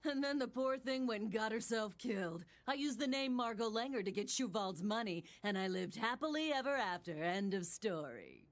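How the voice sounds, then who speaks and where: A woman's voice: on the high side, expressive, normal speed, hardly any pauses, close to an everyday voice. A woman playing a brazen, scheming middle-aged blackmailer in a dramatic anime dub, with a brassy, taunting delivery. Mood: smug, reminiscing.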